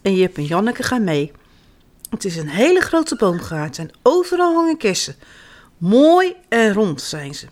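Lively woman reading a children's story. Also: mid-range voice, measured pace. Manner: animated, expressive read-aloud.

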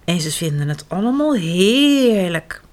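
A woman reading a children's story aloud, expressive and animated. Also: on the low side, measured pace. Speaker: narrator.

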